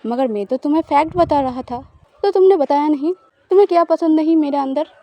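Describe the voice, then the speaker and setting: A woman's voice: high-pitched, fairly quick, no room sound, muffled recording, close to an everyday voice. A woman voicing a smug, teasing possessive spouse. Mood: coaxing.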